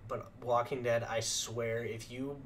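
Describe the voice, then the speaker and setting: A young man hosting a reaction channel who chats casually and rambles with lots of fillers, clearing his throat as his voice starts to go. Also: mid-range voice, level tone, unhurried, a little hiss or hum. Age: young adult. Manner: rambling, filler-heavy chatter.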